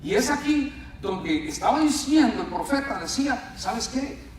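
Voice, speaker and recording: A man's voice: extremely high pitch, moderate pace. A man preaches to his congregation and tells vivid personal stories. His voice rings through a very reverberant church hall, a little far from the microphone. A faint room hum stays underneath. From Latin America. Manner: storytelling, animated, addresses listeners as brother. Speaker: pastor. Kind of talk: sermon. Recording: echoey hall mic, speaker off-mic at times.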